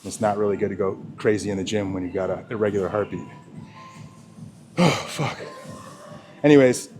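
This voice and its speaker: A man's voice: lowish voice, fast talker. A man talking casually in a gym vlog while out of breath, rambling and swearing, with lots of sidetracks. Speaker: fitness vlogger. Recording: music playing clearly behind.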